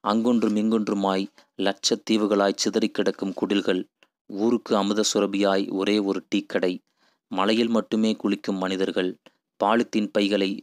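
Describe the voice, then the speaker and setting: A man narrating a novel as an audiobook, with a measured, poetic delivery. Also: fairly low pitch, no room sound. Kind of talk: reading a novel aloud.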